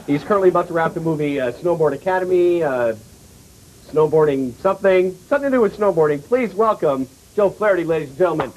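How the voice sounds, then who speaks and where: Hammy talk host on a worn VHS tape. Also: male voice, fairly high pitch, low-quality recording. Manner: rambling, self-mocking, stumbles over questions. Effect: worn VHS tape copy with faint hiss. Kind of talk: loose comedic interview. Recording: faint tape hiss from an old VHS copy.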